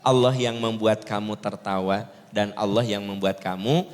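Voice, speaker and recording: Man, Sundanese accent, sermon, lively delivery, long reverb of a mosque hall. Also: moderate pace. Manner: lively, switches to high mimicking voices. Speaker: preacher.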